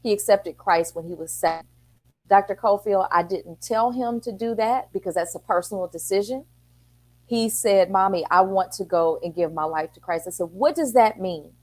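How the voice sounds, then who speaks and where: A woman's voice: medium pitch, moderate pace, a little mellow. A middle-aged woman talking as a guest on a talk show. She tells her story earnestly and steadily, and she acts out the voices in the exchanges she quotes. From Texas. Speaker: city council member and parent guest.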